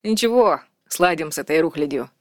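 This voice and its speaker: A cocky young male priest with a teasing, boastful edge, as a woman narrator puts him on. He speaks low and close, with no room around him. It is a storybook reading. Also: animated, a little fast, darkish tone, no room sound.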